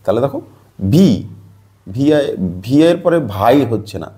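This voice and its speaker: A man from Bangladesh teaching a pronunciation lesson, patient and repetitive, spelling words out slowly. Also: mid-range voice, expressive, dark tone. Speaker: English teacher.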